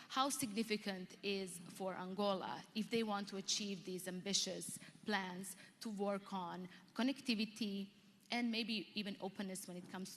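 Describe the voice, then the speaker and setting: A woman's voice: mid-range voice, a bit bright. A woman from Southeastern Europe moderating a conference panel, asking questions with hesitant restarts. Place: large conference hall. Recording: reverberant hall, faint noise.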